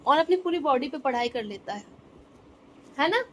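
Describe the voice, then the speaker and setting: A young woman vlogger chats casually into her phone's front camera in her home bedroom, her voice high-pitched and animated at a moderate pace. She playfully teases about her toddler, with slight background noise.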